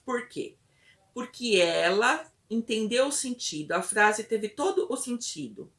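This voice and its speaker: A woman instructor delivers a patient, step-by-step lesson, stopping often to check that her listeners are following. Her voice is bright, with a sharp edge to it. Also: a little high.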